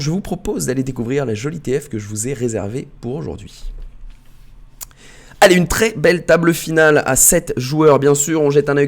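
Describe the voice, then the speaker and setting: A man hosting a poker replay show, commenting hands in a lively, chatty way and addressing viewers directly. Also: mid-range voice.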